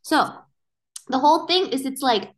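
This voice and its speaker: A woman's voice: high voice, animated, moderate pace. A woman co-hosting a podcast, chatting casually in an opinionated, slangy, informal way. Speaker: podcast co-host.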